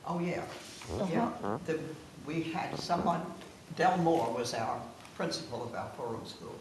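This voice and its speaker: This Southern-accented woman from South Carolina, in her nineties, is the guest of honour at a family gathering, casually telling her family stories from long ago. Her deep voice is expressive and unhurried. The sound is echoey, picked up by a distant mic, with clear noise.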